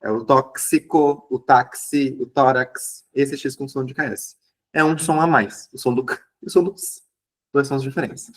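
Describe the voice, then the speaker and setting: A man's voice: mid-range voice, fairly even intonation, measured pace. A male teacher, giving an exam review lesson and checking in with listeners as he explains. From southern Brazil.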